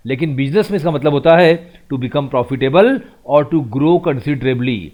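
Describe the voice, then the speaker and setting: Man teaching phrases slowly. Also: a little high, darkish tone. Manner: reads English examples slowly, explains quickly in Hindi. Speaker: English teacher. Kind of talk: bilingual vocabulary lesson.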